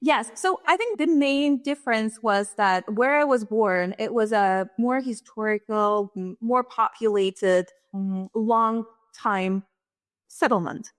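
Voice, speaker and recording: A thoughtful woman in her forties from Russia and Kazakhstan appears as an interview guest, speaking as a leadership strategist. Her fairly high, smooth voice moves slowly in a dry room with no room sound, and she laughs lightly between points.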